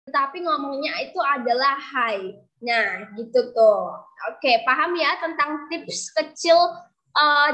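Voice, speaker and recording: A woman's voice: high-pitched, sharp tone. A young woman tutoring English in an online class, chatty and coaxing her students to answer, in a dim room over a video call. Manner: chatty, calls herself kakak, coaxes students to answer. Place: room growing dark, using a flashlight. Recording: dull lo-fi video call audio.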